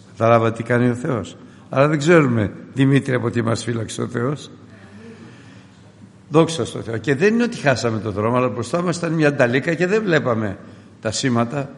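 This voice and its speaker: An older man giving an animated testimony sermon, speaking straight to his congregation in a church hall. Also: mid-range voice, vocal fry. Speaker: preacher.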